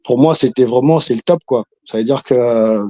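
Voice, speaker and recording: This Congolese caller has a dark-toned, medium-pitched voice at a moderate pace, recorded without echo. He talks casually over video in a halting way, full of fillers and restarts, with the odd chuckle.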